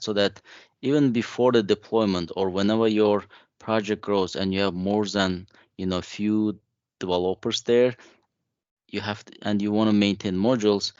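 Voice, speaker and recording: Deep gravelly guy chatting casually, dry muffled sound. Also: no echo. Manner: relaxed, conversational, with frequent fillers. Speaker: co-presenter of a tech session. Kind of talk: casual conference chat.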